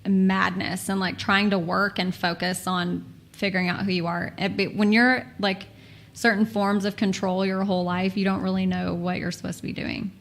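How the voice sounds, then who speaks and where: A woman's voice: medium pitch, flat delivery, moderate pace, creaky. A woman in her mid-thirties talking candidly as a podcast guest, laughing often and swearing casually. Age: 30s. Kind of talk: casual chat.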